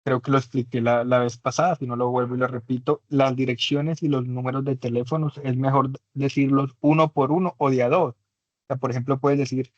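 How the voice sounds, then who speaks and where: A man's voice: medium pitch, fairly even intonation, a little fast, no echo, muffled recording. A man teaching an English class in Spanish, his first language, patiently explaining and checking understanding with tag questions. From Latin America.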